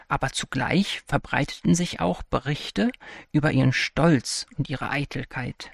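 Man, fairy-tale narration, calm and even, gravelly voice, dry close sound. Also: on the high side, no echo.

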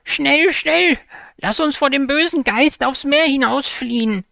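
A storyteller voicing a frail, frightened old grandmother who speaks in shrill, anxious bursts. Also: unhurried, gravelly, bright, forceful tone, no echo, studio quality, exaggerated voice.

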